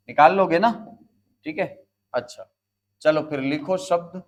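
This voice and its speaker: Slow, coaxing male teacher. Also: high-pitched. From India. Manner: slow, deliberate spelling out and counting aloud; coaxes students with short prompts. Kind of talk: classroom lecture.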